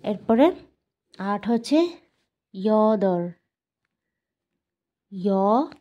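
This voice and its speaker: A woman teaching Korean numbers to learners, explaining patiently and repeating each word slowly several times. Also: on the high side, dark tone, highs cut off. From Bangladesh. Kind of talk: explaining and drilling pronunciation.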